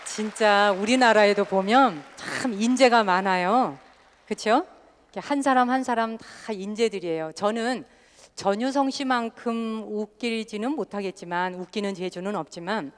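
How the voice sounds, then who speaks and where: A Buddhist nun talks to an audience from a stage, lively and laughing often, dropping her voice to mimic dialects. Her middle-pitched voice rings with long reverb from the live hall. It is warm storytelling rather than a formal sermon. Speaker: Buddhist nun hosting a live public broadcast.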